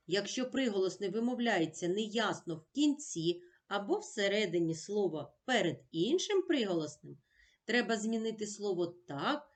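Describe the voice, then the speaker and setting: A woman teacher giving a children's speech lesson, talking slowly with clear, deliberate diction. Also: mid-range voice. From Ukraine.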